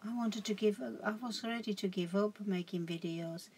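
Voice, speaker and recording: A woman's voice: mid-range voice, normal speed, background noise. A woman casually showing her crafts at home, rambling and correcting herself as she goes. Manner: rambling, chatty, self-correcting. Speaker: craft vlogger. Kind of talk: casual show-and-tell chat.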